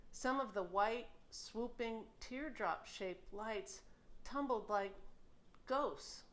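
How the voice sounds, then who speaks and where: A middle-aged American woman with a medium-pitched, slightly bright voice reads her own personal memoir as its author. Her storytelling is reflective and informal, recorded in a home kitchen for a memoir audiobook.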